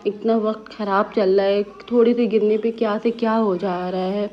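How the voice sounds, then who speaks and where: Young woman vlogger, chatty narration that slips into relatives' voices, mid-range pitch. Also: normal speed, muffled recording. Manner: lively storytelling, acting out family members' lines. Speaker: vlogger narrating family footage. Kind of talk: casual vlog voice-over narration.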